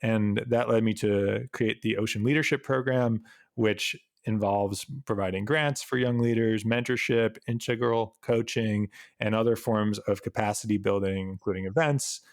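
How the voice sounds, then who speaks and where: A young man who works at an ocean nonprofit, giving an earnest, conversational panel answer with soft laughs. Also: lowish voice, steady tone, normal speed, dry recording, clean studio sound. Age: young adult.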